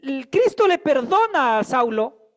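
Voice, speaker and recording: A man's voice: very high-pitched, very animated, measured pace, fairly bright tone. A man preaching a sermon as pastor, emphatic and calling on the congregation to repeat after him.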